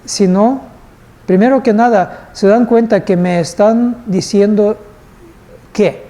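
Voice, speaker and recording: Man, course instructor, mellow dark voice, patient, questioning. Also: high-pitched, slow pace. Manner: patient, asks the class questions. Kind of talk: teaching a live class.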